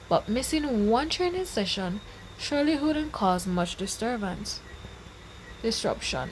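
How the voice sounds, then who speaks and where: A woman's voice: mid-range voice, a little hiss or hum, poor audio. A woman reading a novel aloud chapter by chapter, correcting her own slips as she goes. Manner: reads with slips and self-corrections. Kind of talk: storybook reading.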